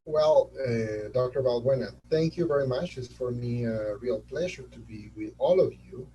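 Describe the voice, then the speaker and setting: A man's voice: medium pitch, moderate pace, lo-fi sound, slight background noise. Colombian man speaking English on a distant call mic. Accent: Colombian Spanish. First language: Spanish. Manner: animated, repeats words while searching for them. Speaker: transplant surgeon guest. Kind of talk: webinar interview.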